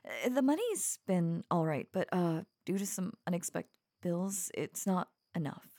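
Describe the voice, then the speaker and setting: A young woman voicing an obsessive young streamer who speaks softly and coaxingly to the listener, with nervous giggles. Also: lowish voice, big pitch swings, measured pace, no room sound, clean studio sound, heavily acted. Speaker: voice actor in an audio roleplay. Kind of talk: audio roleplay addressed to the listener.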